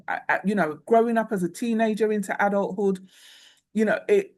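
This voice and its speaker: A woman's voice: medium pitch, darkish tone. A woman hosting a podcast interview, speaking in a thoughtful, reflective way. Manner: thoughtful, reflective, many filler phrases. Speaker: podcast host. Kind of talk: interview conversation.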